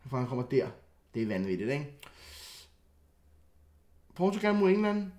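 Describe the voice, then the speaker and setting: Reacting to football clips, a young man gives casual, excitable commentary, often stammering and restarting as loud outbursts drop into low muttering. The room sounds echoey.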